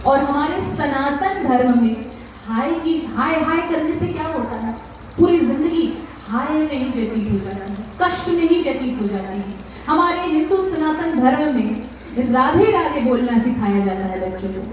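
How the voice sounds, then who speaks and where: A woman's voice: high-pitched, animated, moderate pace, slight background noise. A woman preacher with a North Indian Hindi accent, giving an impassioned devotional sermon full of rhetorical questions. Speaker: katha preacher. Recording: echoey PA sound from far off.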